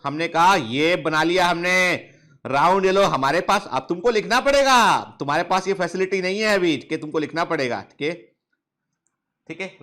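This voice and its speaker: A male biology teacher with a high, bright voice leads an online class. He keeps firing questions at his students, repeats each answer, and mixes in joking threats to keep them working. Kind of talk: online lecture. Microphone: touchscreen device close up.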